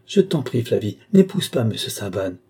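A man's voice: medium pitch, lively intonation, normal speed, dark tone, slightly rough. A man voicing a lovesick, earnest young boy in a storybook reading. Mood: pleading.

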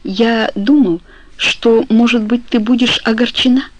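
Woman reading as a soft-spoken tender husband. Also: a little high, steady tone, measured pace, background noise, pitched above the performer's own voice, close to an everyday voice. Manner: soft, affectionate, murmuring. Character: tender sleepy husband, young man.

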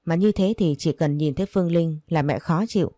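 A woman voicing a grown son who pleads softly with his mother. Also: low-pitched, brisk, dry recording, clean studio sound, natural voice. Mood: pleading. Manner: soft, pleading.

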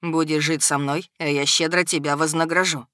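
A woman voicing a calm, sarcastic, centuries-old male dragon shapeshifter in an audiobook, in a low vibrating voice. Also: normal speed, dry recording, clean studio sound. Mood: calm, sardonic. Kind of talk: audiobook character voice.

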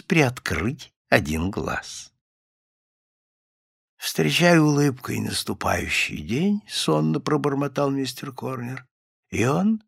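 Male audiobook narrator, animated, crisp close sound. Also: medium pitch, dry recording. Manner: expressive, varied reading. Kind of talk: audiobook reading.

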